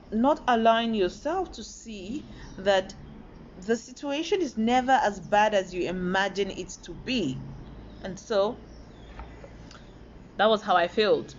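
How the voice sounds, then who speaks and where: A woman from Nigeria giving a motivational talk, telling personal stories in an animated way and acting out the voices she quotes. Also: medium pitch, lo-fi sound, slight background noise. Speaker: motivational speaker.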